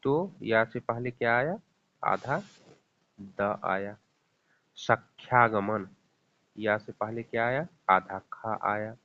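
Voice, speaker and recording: A man with a lowish voice gives a grammar lesson at a slow, patient pace. He repeats each example and quizzes the viewer as he goes. The sound is thin and tinny, like a phone line. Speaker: teacher.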